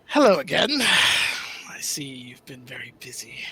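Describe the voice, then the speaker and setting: A man voicing a menacing, taunting villain in a tabletop game, delivering a slow, mock-sympathetic monologue. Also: a little high, big pitch swings, gravelly, fairly bright tone, exaggerated voice, rough recording. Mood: smug menace. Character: menacing bald tattooed robed villain, smugly taunting.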